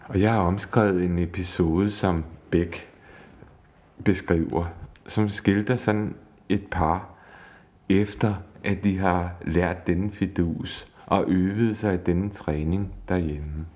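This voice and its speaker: Deep-voiced man reading a self-help text. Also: fairly even intonation, darkish tone. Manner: measured, explanatory.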